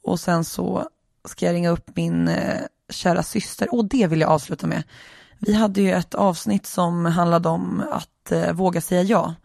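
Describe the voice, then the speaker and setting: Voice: medium pitch, fairly even intonation, vocal fry, a little mellow, no echo, studio quality. A tired podcast host, lying alone in bed, talking through a reflective, rambling solo monologue with many hesitations.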